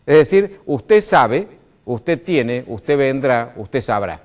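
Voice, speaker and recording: A man's voice: mid-range voice, takes it slowly. Didactic Argentine man from Córdoba. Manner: didactic, lively stresses, many "este" fillers. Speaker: speaker on language. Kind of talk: explanatory talk.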